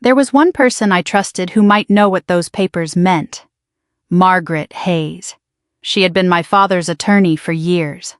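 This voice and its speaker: A woman's voice: on the low side, a little slow, no room sound, studio quality. Woman narrating a dramatic story. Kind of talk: scripted first-person story narration.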